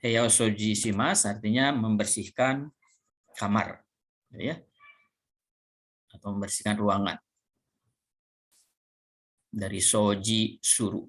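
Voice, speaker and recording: A man teaching a recorded language lesson, explaining slowly step by step, reading each phrase and then translating it. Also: fairly low pitch, fairly even intonation, fairly bright tone.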